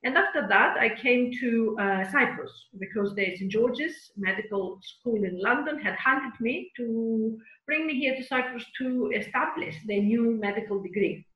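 A woman's voice: fairly high pitch, a little slow, hardly any pauses, lo-fi sound. Hesitant woman from Greece, echoey sound. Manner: hesitant, many fillers. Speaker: guest professor. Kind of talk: podcast interview.

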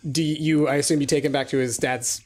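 A game master narrating a tabletop game at a middle pitch. The delivery is conversational and improvised, like someone telling a story to friends at the table. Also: little pitch movement, brisk.

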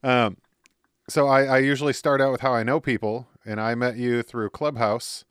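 A man's voice: mid-range voice, fairly even intonation, moderate pace, a bit bright, clean tone, dry recording, studio quality. A man hosting a podcast interview, talking casually with lots of fillers, restarts and laughs. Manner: chatty, laughs often, many fillers and restarts. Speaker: podcast host.

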